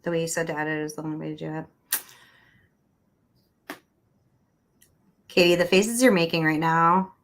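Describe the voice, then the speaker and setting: A woman's voice: low voice, normal speed, pauses often, a little hiss or hum. Chatty woman in her thirties. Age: 30s. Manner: laughs often, chatty and expressive. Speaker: host. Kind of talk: casual chat on a livestream. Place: home room with neon light.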